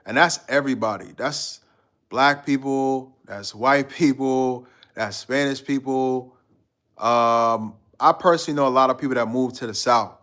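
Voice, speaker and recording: A man from Guyana hosts a live stream at a measured pace, his medium-pitched voice fairly bright. He talks loosely and slangily with viewers, wandering from topic to topic and reading out what they write.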